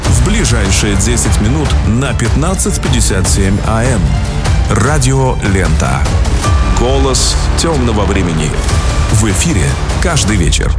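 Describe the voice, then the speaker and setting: Man, radio announcer, slow, dramatic, animated intonation, loud music behind. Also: mid-range voice. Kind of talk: station announcements. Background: loud music bed.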